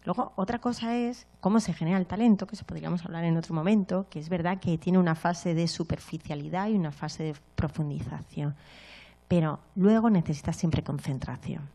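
A woman's voice: on the low side, fairly quick. A woman from giving a motivational talk to an audience, telling stories and often checking in with short tag questions. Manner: storytelling, frequent tag questions, lively acted-out moments.

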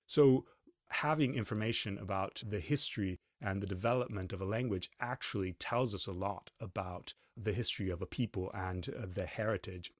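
Deep-voiced man, measured and academic. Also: no room sound, studio quality. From Chile. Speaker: linguist, interviewee. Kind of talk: explanatory interview answers.

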